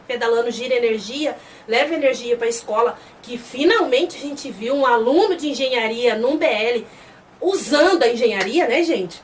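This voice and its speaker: Woman host recapping an episode, chatty, voices the characters. Slightly distant mic, faint background noise. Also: on the high side. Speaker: host reviewing a TV series.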